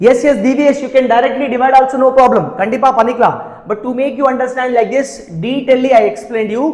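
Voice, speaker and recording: A man's voice: very high-pitched, fairly even intonation, racing, darkish tone. A man with a South Indian accent teaching a live maths lesson, repeating himself and often checking with questions. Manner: repetitive, interactive, often asking check questions. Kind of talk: live exam-prep lesson, mixing English and Tamil. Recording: very echoey, reverberant room.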